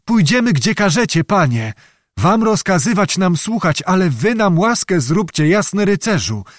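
A man's voice: sits high, very animated, normal speed, dry recording, clean studio sound, pitched above the performer's own voice. A man doing a pleading old peasant. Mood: eager. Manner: pleading, bowing, rustic speech.

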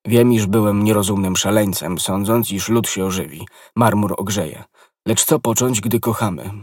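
A man voicing a passionate, devoted nobleman in an audiobook reading, with a low, slightly husky voice. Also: moderate pace, a little mellow, dry recording, studio quality, distant mic. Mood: ardent. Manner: passionate, impassioned declarations.

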